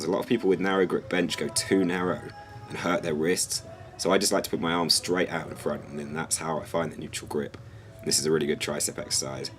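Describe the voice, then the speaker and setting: Hoarse and fading, a young man's bass voice casually talks viewers through his gym session as a fitness vlogger, his explanations loose and a bit rambling.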